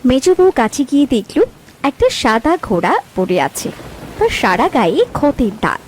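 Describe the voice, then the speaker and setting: High-voiced woman storyteller. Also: big pitch swings, moderate pace, slight background noise, low-quality recording. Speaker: narrator. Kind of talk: scripted fairy-tale narration.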